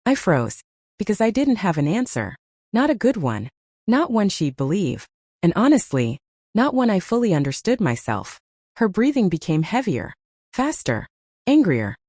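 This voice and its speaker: A woman narrating a first-person drama story in a dramatic way, with slow, emphatic pauses. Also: mid-range voice, big pitch swings, a little mellow, slightly rough, no room sound, clean studio sound.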